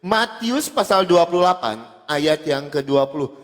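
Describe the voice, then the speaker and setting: A man's voice: on the high side, expressive, normal speed, in a large hall. A man answering in a religious debate, preacherly in tone, quoting scripture chapter and verse. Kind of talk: live-streamed religious debate.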